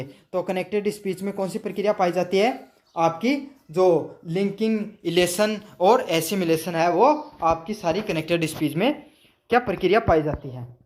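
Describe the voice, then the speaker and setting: A young male teacher giving an exam-prep lecture, asking his own questions, answering them and repeating answers for students to memorize, with English terms mixed in. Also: high voice. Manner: mixes English terms into Hindi.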